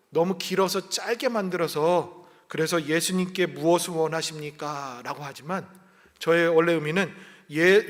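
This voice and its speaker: A man's voice: high voice, big-room sound. A male pastor giving a Sunday sermon in a conversational storytelling way, acting out little dialogues. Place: church sanctuary.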